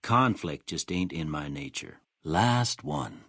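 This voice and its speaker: Doc Mitchell, raspy old frontier doctor. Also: male voice, low voice, expressive, a bit bright, no room sound, studio quality, full character voice. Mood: calm, measured. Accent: American, rural Western drawl. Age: older. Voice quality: raspy, gravelly. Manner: folksy, unhurried, plainspoken. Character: kindly old small-town frontier doctor, folksy and wry. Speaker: voice actor. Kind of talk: video game character dialogue.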